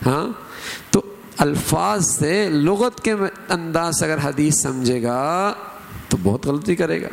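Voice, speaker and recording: A middle-aged man with a high-side voice and vocal fry preaches an emphatic sermon, raising his voice to act out quoted phrases and examples. The sound carries the long reverb of a hall.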